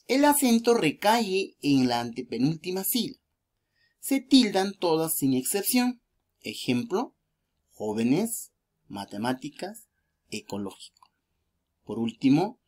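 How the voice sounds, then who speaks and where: A woman teacher giving a recorded grammar lesson to children, slow and deliberate, reading out each rule and example. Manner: slow, deliberate, lively pitch, spells out examples. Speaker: primary school teacher.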